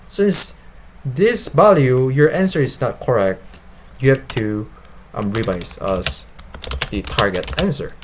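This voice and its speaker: A man with a mid-pitched voice gives an informal product demo in non-native English. He moves forward haltingly, restarting phrases and rewording them as he explains. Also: background noise. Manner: halting, repeats and rephrases phrases. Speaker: developer presenting his web app.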